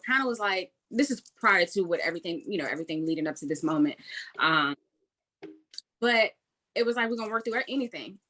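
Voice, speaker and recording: A woman's voice: on the high side, sharp tone. Reflective woman guest with a hesitant start. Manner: hesitant, reflective, quotes herself animatedly. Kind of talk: casual conversation.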